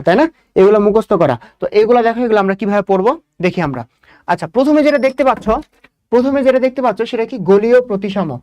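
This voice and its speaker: A man's voice: sits high, darkish tone. A young man giving an exam coaching lecture on biology. He asks the class questions, answers them himself, and repeats key points. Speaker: biology teacher.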